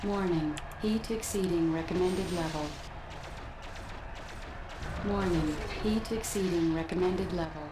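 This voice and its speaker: Woman doing the low-toned female computer of an overheating battle mech, flat repeated heat alarms ringing out in an echoey space, heavy game noise crashing behind it. It sounds like a video game cockpit alert system. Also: unhurried, pauses often, close to an everyday voice. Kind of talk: game voice lines.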